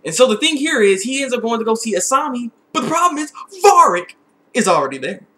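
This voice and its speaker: Very high-pitched and quick, this man gives an opinionated, casual episode review. He gets excited, rambles, and repeats words frequently.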